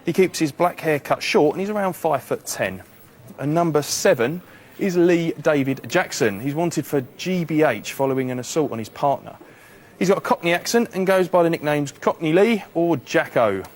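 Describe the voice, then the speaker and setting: A man presenting from a television studio, reading out wanted suspects in a brisk, matter-of-fact way. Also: a little high, expressive.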